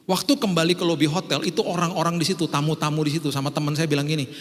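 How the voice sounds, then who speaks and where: A middle-aged man from Indonesia, a pastor telling a personal story in a sermon, lively and anecdotal, acting out what people said. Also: a little high, rapid-fire. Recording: long hall reverb.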